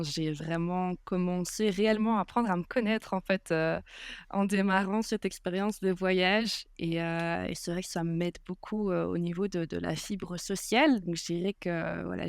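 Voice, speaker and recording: A woman, a podcast guest chatting casually and pausing often with fillers. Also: on the low side, steady tone, smooth, no echo, clean studio sound. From Belgium. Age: 20s. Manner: hesitant, many filler pauses. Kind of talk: casual interview chat.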